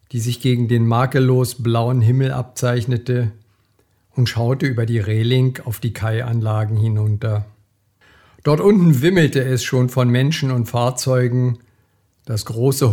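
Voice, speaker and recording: Slow, measured male storyteller. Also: mid-range voice, mellow. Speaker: reader. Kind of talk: audiobook reading of a thriller.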